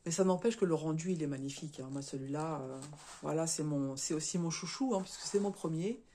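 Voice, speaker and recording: Hoarse woman with a cold, chatting haltingly. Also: low voice, dark tone. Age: adult, married. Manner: halting, many fillers and restarts, stumbles over words; chatty, tags sentences with "hein". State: slightly hoarse, stuffy with a cold; a little out of breath. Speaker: crafts vlogger. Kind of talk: casual show-and-tell vlog.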